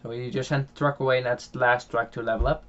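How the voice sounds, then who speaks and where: A young man with a Dutch accent talks through a farming game in a loose, meandering way, stacking ums and uhs and restarting his sentences. His voice sits at a middling pitch. The home microphone sounds a little dull and muffled. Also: little pitch movement, fast talker, a bit bright. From Netherlands. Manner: rambling, many fillers and restarts, chuckles often. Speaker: gaming channel host. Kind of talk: casual gameplay commentary.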